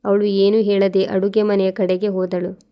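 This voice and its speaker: A woman reading a first-person moral story aloud in a steady, even way. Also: medium pitch, moderate pace, smooth, highs cut off.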